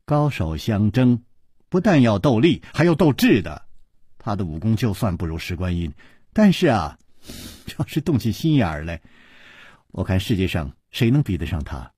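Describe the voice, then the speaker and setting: A man's voice: fairly low pitch, sing-song, normal speed, dark tone, breathy edge, no echo, clean studio sound, pitched below the performer's own voice. A man voicing a coquettish, emotional young princess with a coy, pleading manner.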